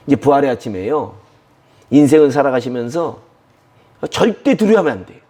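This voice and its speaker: A man's voice: on the high side, darkish tone. A middle-aged man preaching a Sunday sermon as pastor, emphatic, repeating key phrases and asking and answering his own questions.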